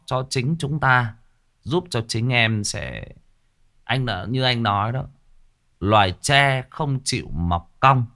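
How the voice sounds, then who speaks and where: Lively big-brotherly man. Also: mid-range voice. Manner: rambling, big-brotherly, swings from soft to loud. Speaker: livestream host giving life advice. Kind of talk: casual livestream monologue.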